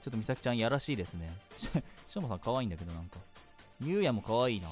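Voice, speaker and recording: A man doing let's play commentary on a game, excitable and gushing, laughing often. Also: medium pitch, very fast, soft background music. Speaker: game streamer.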